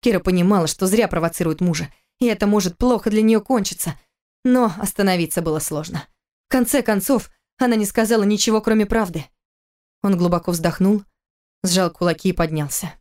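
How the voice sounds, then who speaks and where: A woman narrating an audiobook in a steady, even storytelling manner. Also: medium pitch, a little fast. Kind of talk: scripted narration.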